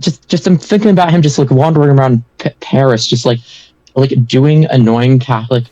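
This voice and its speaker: A man co-hosting a casual podcast, halting and full of fillers, with frequent swearing. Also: mid-range voice, dark tone, no room sound, lo-fi sound. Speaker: podcast co-host. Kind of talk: casual chat.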